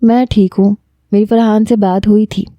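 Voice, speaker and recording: A woman's voice: mid-range voice, flat delivery, mellow, no echo, lightly acted. A woman reading the lines of a lovestruck young woman talking to a friend on the phone, smiling and candid.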